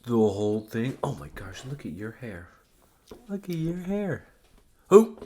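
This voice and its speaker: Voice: medium pitch, big pitch swings, unhurried, dark tone. A parent hosting a casual family eating video, coaxing a small child with sing-song questions.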